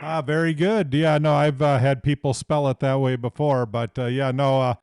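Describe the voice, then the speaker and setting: A man's voice: medium pitch, steady tone, normal speed, a little mellow, smooth, no echo. An American man running casual amateur radio contacts into a close microphone. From Iowa, United States. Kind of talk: casual ham radio exchange.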